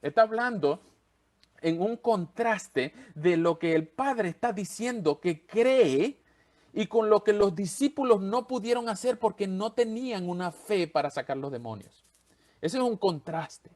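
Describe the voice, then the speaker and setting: A man preaching a sermon as pastor, expressive and acting out the voices he quotes. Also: sits high, unhurried.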